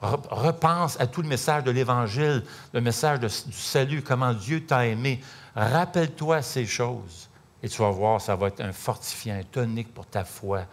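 A middle-aged pastor with a Québécois French accent preaching in a relaxed, chatty way. He tells stories from the pulpit with frequent fillers and asides. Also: medium pitch, normal speed. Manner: conversational, storytelling, many fillers. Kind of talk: sermon.

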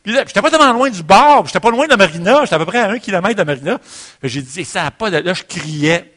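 Casting note: Quebec French man, preacher, animated storyteller, slightly high voice. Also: quick pace. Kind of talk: sermon with a personal story.

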